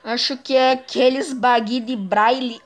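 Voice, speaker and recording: A young woman with a Brazilian Portuguese accent giving excitable, playful let's-play commentary, teasing and squealing as she plays. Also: a little high, a little slow. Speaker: gaming YouTuber.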